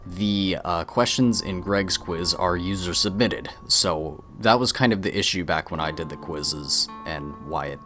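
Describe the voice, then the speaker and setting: Low-voiced man rambling about a game. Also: measured pace, hardly any pauses, bright, forceful tone, faint music behind. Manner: rambling, with fillers and restarts. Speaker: channel host. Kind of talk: casual gaming commentary.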